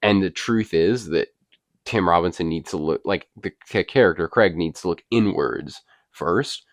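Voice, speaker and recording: A man's voice: low voice, moderate pace, no echo, studio quality. A man co-hosting a casual movie discussion, earnestly explaining his view at length. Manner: defends his view with analysis. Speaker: co-host.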